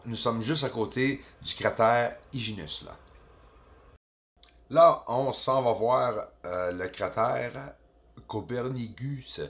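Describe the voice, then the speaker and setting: A man whose native language is English, speaking French with a Quebec accent as a channel host, giving casual, animated commentary over video footage. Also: mid-range voice, slow. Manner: animated, exclaiming, chatty, peppered with filler words.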